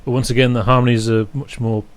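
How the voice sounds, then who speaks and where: A man with a quick, mid-range voice and little pitch movement co-hosts a podcast reviewing an album. He chats casually, rambling and interrupting himself, with dry chuckles along the way.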